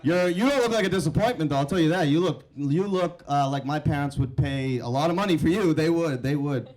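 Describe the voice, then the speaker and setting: Stand-up comic, young man from India, brash crowd-work energy, a touch high-pitched. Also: darkish tone. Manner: brash, teasing, quick crowd banter. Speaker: stand-up comedian. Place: comedy club stage. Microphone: handheld microphone.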